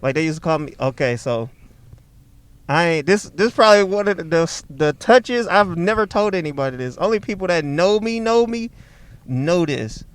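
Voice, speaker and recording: A man's voice: fairly high pitch, lively intonation, normal speed, clean tone, no echo. A young man from Detroit, a stand-up comedian, telling loose, profane stories in a casual chat inside a car. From Detroit, Michigan.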